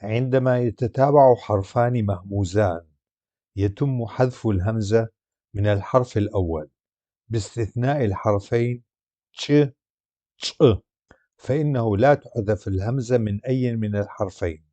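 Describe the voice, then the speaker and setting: Male teacher, lowish voice, dry close sound, slow careful letter-by-letter delivery. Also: mellow, dry recording. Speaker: language teacher. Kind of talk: grammar lesson narration.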